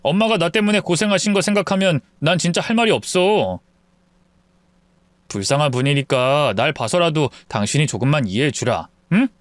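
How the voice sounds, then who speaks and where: A man's voice: on the high side, animated, moderate pace, dry recording, natural voice. A man as a coaxing, apologetic husband. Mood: placating. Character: placating husband caught between wife and mother.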